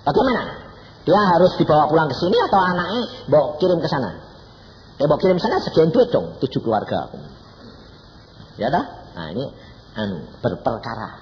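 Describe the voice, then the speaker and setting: A man's voice: fairly high pitch, a little fast, long pauses, a little hiss or hum. A man in his eighties with a Javanese accent, preaching by telling a story and acting out its dialogues. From Indonesia. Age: 80s. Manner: animated, acts out dialogues, laughs often. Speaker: evangelist preacher. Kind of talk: storytelling sermon. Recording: reverberant hall, slightly dull sound.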